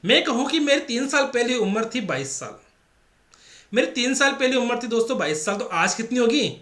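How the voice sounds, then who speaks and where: With a very high-pitched, sharp voice that swings widely in pitch, a man briskly teaches exam-prep math. His Rajasthani Hindi accent comes through as he repeats each step and quizzes the class rhetorically, recorded in an echoey room.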